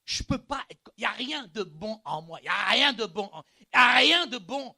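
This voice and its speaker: Male pastor, high voice, bright, animated sermon, street slang, hushed to shouting. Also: moderate pace. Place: church.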